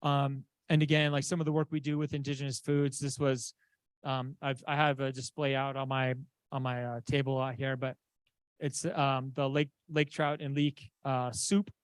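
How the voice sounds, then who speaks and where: A man from Southeast Alaska giving a conference slide talk, halting with many fillers and restarts. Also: medium pitch, flat delivery, clean tone, no room sound. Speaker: conference presenter. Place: conference room.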